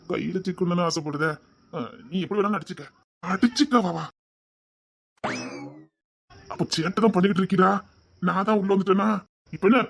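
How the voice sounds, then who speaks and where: Fast-talking Tirunelveli Tamil man. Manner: teasing banter, jumping between high and hushed lines. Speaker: comedy sketch performer. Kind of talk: comic family sketch playing several relatives.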